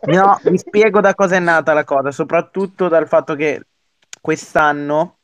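A man's voice: a little high, fairly even intonation, moderate pace, crowd noise. A man chatting casually as a football pundit. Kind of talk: casual chat.

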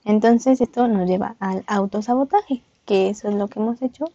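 A woman's voice: mid-range voice, moderate pace, dark tone, dry recording, muffled recording. Giggly young woman telling a story. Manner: laughs often, acts out voices in her anecdotes. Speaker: podcast co-host. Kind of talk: casual storytelling chat.

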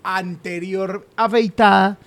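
A man's voice: sits high, steady tone, slow pace, a bit bright. A young Colombian man from the Medellín area, co-hosting a podcast and telling a funny anecdote with slang and sound effects. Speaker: podcast co-host. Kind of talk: casual storytelling chat.

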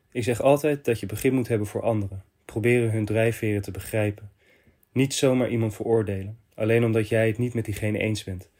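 A man hosting a podcast, reading a listener's confession letter aloud in short, measured phrases. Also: medium pitch, dark tone.

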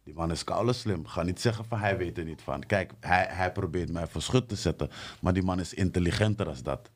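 Deep-voiced man, insistent and forceful. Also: a little fast, husky. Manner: insistent, talks over the host. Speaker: guest. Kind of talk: casual podcast chat.

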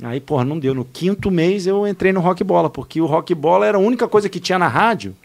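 Carioca man, podcast guest, animated slangy storyteller, fast and gravelly. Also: high-pitched. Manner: animated, slangy, laughing through anecdotes. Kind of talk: casual storytelling.

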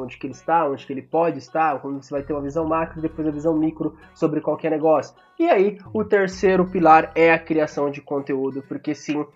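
Brazilian male podcast host, high voice scratchy and hoarse, informal solo delivery, slightly muffled lo-fi sound. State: hoarse, scratchy voice from a sore throat. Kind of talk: casual solo podcast introduction and sponsor read.

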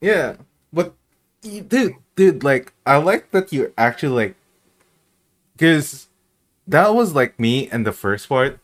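Slow-talking podcast host guy, voice goes up and down a lot, says "you know" constantly. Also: fairly high pitch, big pitch swings. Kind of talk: casual podcast chat.

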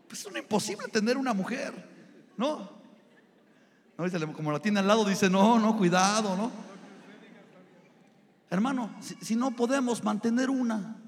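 A man with a Mexican Spanish accent, a pastor preaching a sermon with a personal story, talking conversationally to the congregation as brothers. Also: high-pitched. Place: church sanctuary. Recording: long hall reverb.

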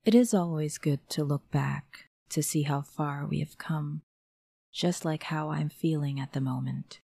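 A middle-aged woman with a Filipino accent, narrating a spooky story in a measured, dramatic way. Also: low-pitched, creaky, dark tone, husky, dry recording. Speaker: storyteller host.

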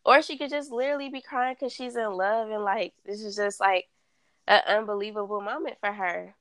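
A woman hosting a casual chat, reading dating scenarios aloud at a slow, deliberate pace and laughing often. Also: mid-range voice, fairly even intonation, fairly bright tone, no echo. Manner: reads questions slowly, laughs often.

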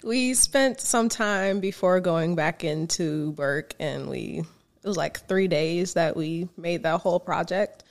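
A woman's voice: on the low side, measured pace. A young woman musician, a guest on a casual podcast, talking in a laid-back way with frequent ums and light laughs. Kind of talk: casual interview chat.

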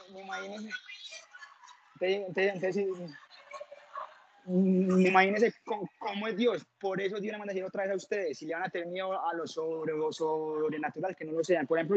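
Male lay preacher, slightly high voice, stammering testimony style, muffled lo-fi recording. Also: darkish tone. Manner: halting, with many stammered restarts and repeated words. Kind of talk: informal preaching testimony to a group. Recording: dull lo-fi recording.

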